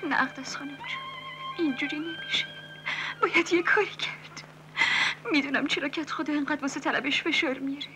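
A woman's voice: sits high, wildly swooping pitch, pauses often, sharp tone, faint music behind, heavily acted. A tearful poor village girl. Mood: distressed. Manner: pleading, emotional. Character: poor young village woman, tearful and proud. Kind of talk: dubbed 1970s film dialogue.

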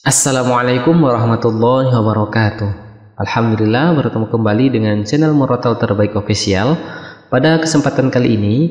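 A man hosting a recitation lesson, calmly explaining each step in a plain speaking voice. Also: on the low side. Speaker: channel host and recitation teacher. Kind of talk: friendly spoken instruction. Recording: echoey room with long reverb.

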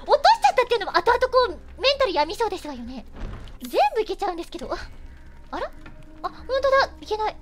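A woman's voice: very high voice, very noisy. A young woman streaming a horror game, chatting in a playful, mock-aristocratic lady manner with dramatic outbursts. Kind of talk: casual game-stream commentary. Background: game music.

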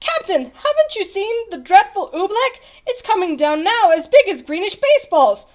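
A woman's voice: extremely high pitch, very animated, normal speed, pitched above the performer's own voice. A woman voicing an earnest young boy in a storybook, urgent, pleading and exclamatory. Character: frantic, earnest young boy sounding the alarm. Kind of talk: storybook character voice.

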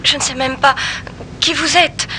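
A woman's voice: high-pitched, steady tone, unhurried, noisy background. An actress playing a distraught, timid eighteen-year-old woman who stammers and hesitates, heard over a telephone line. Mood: hesitant. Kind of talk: dubbed TV crime drama.

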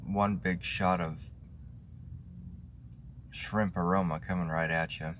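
A man in his thirties giving a casual, halting, low-key snack review to camera. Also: fairly even intonation, fairly bright tone. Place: inside a parked car. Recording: noisy car interior phone recording.

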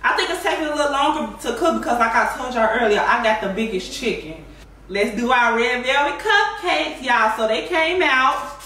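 Her voice sits a little high and comes across expressive, bright, and pushed at a moderate pace. She's a woman in her thirties filming a relaxed cooking vlog at home, playful and talkative, with sing-song exclamations to her y'all audience. Sound is roomy, recorded from a tripod camera across the kitchen.

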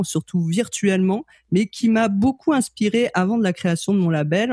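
A man's voice: high voice, mellow, no room sound, studio quality. A man hosting a podcast interview, chatting in a friendly way with frequent filler sounds. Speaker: podcast host. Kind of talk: casual interview chat.

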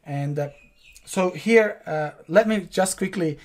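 A young Croatian man with a Croatian accent speaks in a high, slow voice. He's an online course instructor leading a screen-share tutorial from his home office, talking casually with lots of fillers and restarts.

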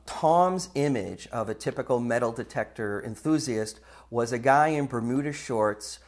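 A man's voice: mid-range voice, normal speed. A man, a metal detecting hobbyist, telling his story reflectively in a documentary interview.

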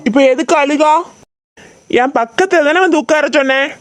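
Woman doing bossy cartoon teacher, scolding, high voice. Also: normal speed, close to an everyday voice. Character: stern village tuition teacher woman, scolding.

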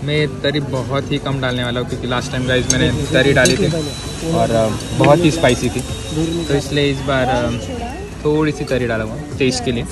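Chatty young man vlogging over loud music. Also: mid-range voice, fairly even intonation, normal speed. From India. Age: young adult. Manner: chatty, upbeat, mixes English into Hindi with many fillers. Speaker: food vlogger. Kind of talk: casual food vlog. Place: outdoor garden restaurant.

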